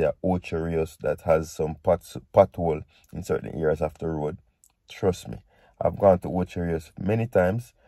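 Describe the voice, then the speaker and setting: A man's voice: low-pitched, warm tone, dry recording. A man with a Jamaican accent talking casually to viewers as a vlog host, explaining things conversationally and often checking that they follow. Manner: conversational, repeats points and checks in with "right?" and "you see".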